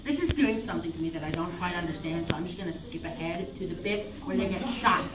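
A woman's voice: fairly low pitch, fast. A teenage girl hosting a class improv game, rambling and playful with lots of fillers. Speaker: student improv host. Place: school theater classroom. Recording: roomy classroom, distant mic, noisy crowd.

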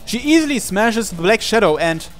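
Over music, a man with a fairly high voice reads a visual novel aloud for a let's-play. He tells the story in the first person with earnest, theatrical, dramatic intensity, speaking expressively at a moderate pace.

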